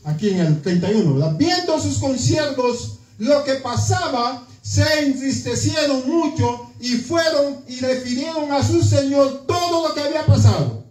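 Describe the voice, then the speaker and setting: A man's voice: very high voice, animated, measured pace, a little mellow, soft background music. A man preaching a sermon in a church, in a conversational manner that keeps checking in with the congregation. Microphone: church sound system, far from the mic. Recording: echoey church from far off.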